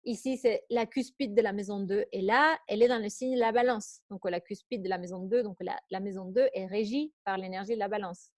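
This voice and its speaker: A woman's voice: mid-range voice, brisk, few pauses, darkish tone, dry recording, studio quality. A woman with an accent teaching an online astrology workshop. She talks in a chatty way, reads out questions from participants and laughs easily. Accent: foreign accent. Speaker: astrology coach.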